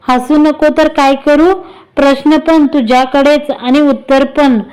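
A woman's voice: sits high, fairly even intonation, unhurried, darkish tone, low-quality recording. A woman voicing a teasing, affectionate young husband in a read-aloud story. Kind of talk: storybook reading.

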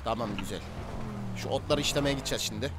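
A man livestreams a roleplay game, talking very fast in a mid-range voice with slangy, casual banter as he bosses his crew around. Music plays in the background, and video game vehicle sounds, including a car engine, sit behind his voice.

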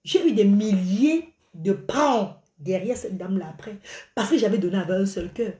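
Animated and full of exclamations, a middle-aged Cameroonian woman gestures freely as she rants live to followers, her phone at arm's length in a small room by a curtain. She has a mid-range voice at normal speed, and the audio sounds roomy.

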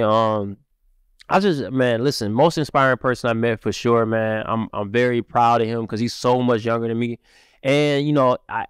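Through a studio microphone on a boom arm, a podcast guest who markets music chats loosely and animatedly, repeating fillers often. He's from Cleveland, Ohio, and spent part of his upbringing in Mississippi; the tone is clean and echo-free.

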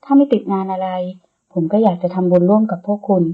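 A woman voicing a reserved, polite young man who speaks softly and slowly in an audiobook. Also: medium pitch, narrow, tinny audio, lightly acted. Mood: calm. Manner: soft, slow and restrained. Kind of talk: audiobook character reading.

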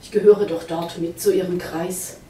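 A woman's voice: fairly low pitch, steady tone, normal speed, dark tone, a little hiss or hum, lightly acted. A woman reading a sly wandering trickster. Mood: sly solemn. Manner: mock-solemn, wheedling storyteller. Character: sly wandering male trickster posing as heavenly messenger. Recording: roomy hall, voice from a distance.

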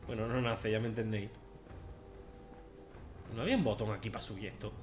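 A man with a Spanish accent from Spain, giving chatty, sarcastic let's-play commentary with sudden loud outbursts. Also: lowish voice, fairly even intonation, brisk. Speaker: gaming video host. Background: game music.

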